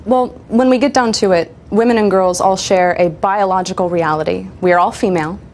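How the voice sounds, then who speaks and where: A woman answering interview questions in a firm, measured way, with the occasional filler. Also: medium pitch, a little mellow. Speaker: interview guest, women's advocate.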